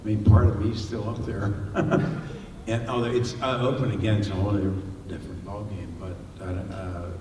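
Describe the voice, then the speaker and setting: An older man speaking on a panel in a large library hall, his voice lowish and halting with fillers. He sits away from the table mic, so the sound is roomy with a long tail and steady background noise. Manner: halting, many fillers and restarts. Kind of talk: panel discussion answers. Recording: echoey hall, distant mic, noisy.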